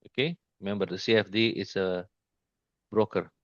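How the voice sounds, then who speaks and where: A man with a low voice walks a listener through trading charts in a loose, halting way, often restarting and repeating "see, like this." The sound is dry and close, with dull lo-fi call audio. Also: steady tone, no echo. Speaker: trading mentor. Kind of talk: informal screen-share lesson.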